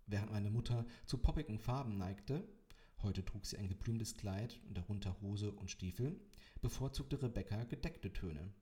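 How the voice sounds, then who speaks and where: A man's voice: fairly low pitch, moderate pace, warm tone. A man in his twenties narrating an audiobook in the first person, with dry, wry delivery. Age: 20s.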